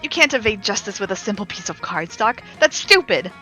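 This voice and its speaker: A woman's voice: medium pitch, sing-song, brisk, sharp tone, soft background music. A woman voicing an earnest, fuming young spellcaster in a game read-along, declaiming dramatically and defiantly. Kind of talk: dramatic voice-acted reading of game dialogue.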